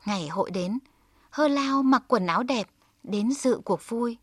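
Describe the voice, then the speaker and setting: A woman narrating a folk tale in a calm, measured storytelling manner. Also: a little high, dry recording, studio quality.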